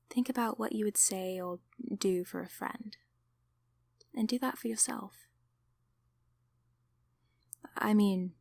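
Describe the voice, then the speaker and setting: Speaking in a medium-pitched, gravelly voice, a woman takes on the role of a gentle sleep paralysis demon for ASMR. She sounds affectionate and supportive yet mildly scolding, her soft delivery frequently whispered. There's no room sound at all.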